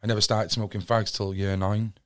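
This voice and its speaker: A man's voice: fairly low pitch, flat delivery, fairly quick. A man in his thirties with a Cardiff accent, an interview guest telling his life story in an open, earnest, rambling way. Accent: Welsh (Cardiff). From Cardiff, Wales. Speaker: podcast guest. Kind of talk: candid personal storytelling.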